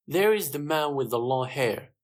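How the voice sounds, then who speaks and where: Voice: medium pitch, lively intonation, moderate pace, close to an everyday voice. A narrator voicing Jim, an eager police officer, in a slightly raised voice. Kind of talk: graded-reader story voice.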